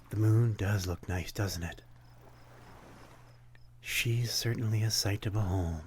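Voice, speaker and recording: In an intimate ASMR roleplay, a man plays a courtly, melancholy vampire stranger, speaking formally and old-fashionedly with gentle wistfulness. His fairly low voice feels soothing and inviting, with slight background noise.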